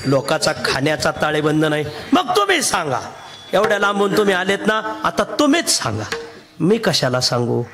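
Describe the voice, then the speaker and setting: A man's voice: sits high, very animated, normal speed, sharp tone, soft background music. A man from Maharashtra preaching a devotional kirtan sermon, telling stories with humour and sing-song emphasis, often laughing as he talks.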